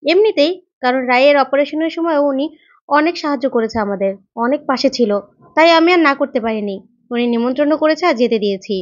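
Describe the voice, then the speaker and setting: A woman's voice: high voice, brisk, natural voice. A woman voicing a middle-aged mother who gives firm, dismissive replies. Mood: explaining. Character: middle-aged mother, patient but irritated. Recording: dull, lo-fi recording.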